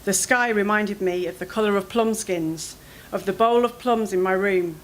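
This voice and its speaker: A woman with a mid-range voice reads from her first-person fiction at a literary event, speaking at normal speed in an expressive, anxious way. The audio is poor.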